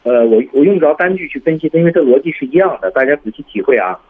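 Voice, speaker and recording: A man teaching English on a radio programme, explaining step by step and demonstrating lines over and over. His pitch swings widely as he stresses points, and his voice sounds husky. The audio is thin and tinny, like a phone line. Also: very animated, quick pace. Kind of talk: radio lesson on English speaking.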